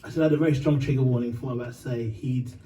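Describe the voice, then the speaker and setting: A man's voice: mid-range voice, steady tone, rapid-fire, warm tone, distant mic, slight background noise, low-quality recording. A man from Uganda and Britain telling a long, rambling story between songs, full of fillers, swearing and laughter.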